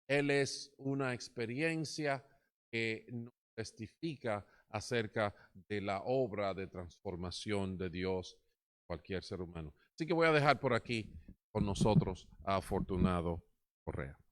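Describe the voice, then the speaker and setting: A man's voice: fairly low pitch, a little slow. A man preaching a sermon as pastor, with fervent emphasis.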